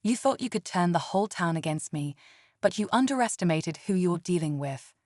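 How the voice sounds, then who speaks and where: A woman's voice: lowish voice, lively intonation, fairly quick, a little mellow, no echo, clean studio sound, lightly acted. A woman voicing a stern, smug male police officer who talks with casual menace.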